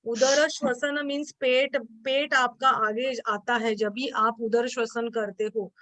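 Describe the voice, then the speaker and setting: Marathi-accented lady teaching yoga theory, kinda high voice, lots of ums, dry close sound. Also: fairly even intonation, slow pace, a bit bright, no echo. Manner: explanatory, hesitant with fillers, asks students questions. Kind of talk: classroom lecture.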